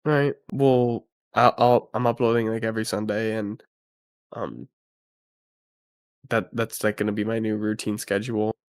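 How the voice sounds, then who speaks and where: A sick man with a congested, nasal voice talks in a low, subdued register. He chats casually as a guest reviewer, stopping and restarting around fillers. The sound is dry and close, with no room around it. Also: level tone, smooth, dry recording. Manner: low, quiet, halting with many fillers.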